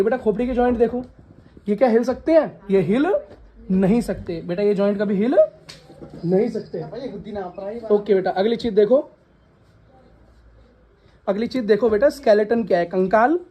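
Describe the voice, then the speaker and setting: A science teacher leads her classroom through call-and-response, repeating questions for students to echo and calling them "beta." When some laugh, she scolds them. Her voice is mid-range with a dark tone, over slight background noise.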